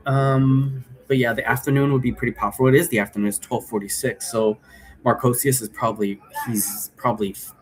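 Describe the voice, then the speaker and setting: A vlogger explains role play rules in a casual, rambling way, often checking in by tagging his sentences with a questioning "right?". The man's voice is medium-pitched, and the recording is rough.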